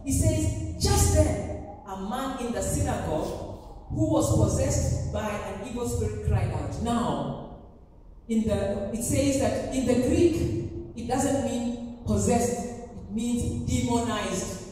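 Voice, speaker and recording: High-voiced woman preaching in an echoey hall. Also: expressive, slow pace, distant mic, noisy background. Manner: emphatic preaching, acts out quoted voices with big pitch jumps. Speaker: pastor. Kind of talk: sermon.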